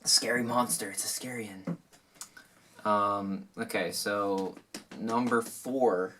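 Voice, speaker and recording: A man's voice: lowish voice, steady tone, takes it slowly, sharp tone, distant mic. A young man co-hosting a casual chat, laughing often and full of fillers and restarts. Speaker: co-host.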